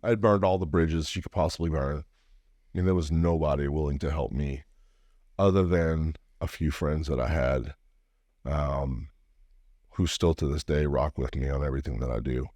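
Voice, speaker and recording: Low-voiced Louisiana man, podcast guest, earnest heartfelt storytelling, dead-dry close recording. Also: moderate pace, a little mellow, dry recording. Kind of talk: personal storytelling interview.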